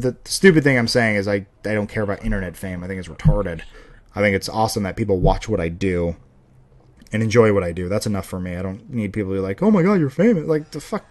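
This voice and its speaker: A young man in his twenties hosting a casual Q&A, rambling and swearing freely as he answers viewer questions. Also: lowish voice. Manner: rambling, profane, self-deprecating ranting. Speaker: host of a viewer Q&A show.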